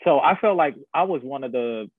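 A man's voice: medium pitch, expressive, brisk, no echo. A man from Guyana co-hosting a podcast, chatting casually with a laid-back, agreeable manner and plenty of slang. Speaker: podcast co-host. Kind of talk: casual chat. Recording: dry, phone-like lo-fi sound.

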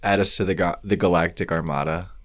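A man's voice: deep voice, steady tone, fast. A man co-hosting a casual podcast chat in a jokey, easygoing conversational way. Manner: jokey, laughs often. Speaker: podcast co-host.

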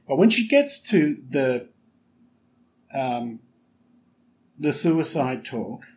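A man co-hosting a podcast who is opinionated and emphatic in casual chat, often telling stories with quick asides. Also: mid-range voice, sing-song. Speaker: podcast co-host.

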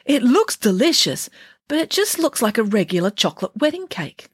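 A woman voicing an excitable young princess who gushes eagerly about cake. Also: a little high, normal speed, breathy edge, dry recording, studio quality, voice pushed up. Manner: gushing and eager.

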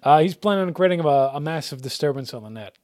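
A worldly detective robot, voiced by a man running a tabletop game. He speaks a little high, pausing to hunt for words between thoughts. Casual and unhurried. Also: lively intonation, a little mellow, close to an everyday voice. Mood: laid-back. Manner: halting, searches for words. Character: gruff male detective cleaning-robot AI, smoking. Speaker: game master. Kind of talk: narrating a tabletop game in character.

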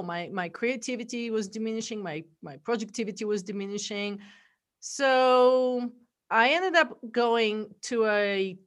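Bulgarian-accented woman telling her story. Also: mid-range voice. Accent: Bulgarian, mixed with Australian and American. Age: middle-aged. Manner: warm storytelling, frequent fillers and laughs. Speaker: podcast guest. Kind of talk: casual interview chat.

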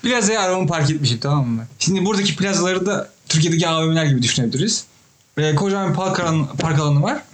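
A young man talking very fast in relaxed chat, his voice a bit higher than most men's. He spins playful, slangy anecdotes with quick energy. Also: slight background noise. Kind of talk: casual chat.

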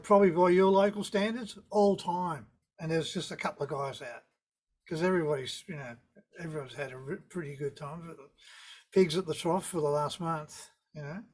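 A man's voice: fairly high pitch, moderate pace. A middle-aged or older man with a Tasmanian Australian accent, chatting casually as an interview guest in a laid-back, slangy, wry way. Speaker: guest, surf photographer.

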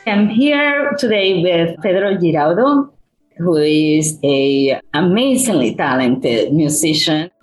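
A woman hosts a podcast interview, keeping her questions short and friendly. Her voice sits deep for a woman. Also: animated, takes it slowly, soft background music, poor audio. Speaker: podcast host. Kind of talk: interview conversation.

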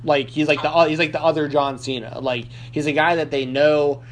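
A Nashville podcast host rambles through a casual wrestling show, full of "likes," fillers and restarts. His voice sits fairly high, steady and quick, with a little hiss or hum in the recording.

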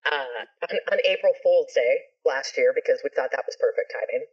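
A woman tells a story as a podcast guest, animated and expressive, with casual swearing worked into her talk. The sound is slightly dull and lo-fi, like a home podcast recording. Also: very deep voice, brisk, slightly rough. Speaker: singer and guest.

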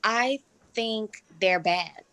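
A woman's voice: medium pitch, very slow, clear, resonant tone, no echo. Bubbly woman chatting in a dry room. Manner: bubbly, laughing, animated asides. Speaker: interview guest, cabaret singer. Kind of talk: casual interview chat.

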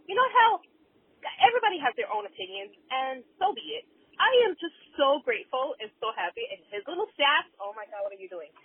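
A woman leaving an excited, rambling voicemail for a show while driving. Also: on the high side, a little hiss or hum. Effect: leaving a voicemail over the phone. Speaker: caller. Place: in a car, driving. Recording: tinny phone-line voicemail.

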